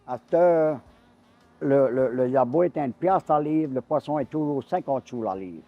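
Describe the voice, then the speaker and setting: A man's voice: mid-range voice, unhurried, phone-quality sound, soft background music. An older man from Louisiana with a Cajun French accent, chatting casually in a rambling, repetitive way. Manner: rambling, repeats himself. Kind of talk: casual chat.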